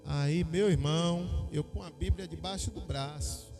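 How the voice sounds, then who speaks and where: A middle-aged Brazilian man preaching a sermon, telling a personal story and acting out the dialogue with lively energy. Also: a little high, measured pace, faint music behind. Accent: Brazilian Portuguese. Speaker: pastor.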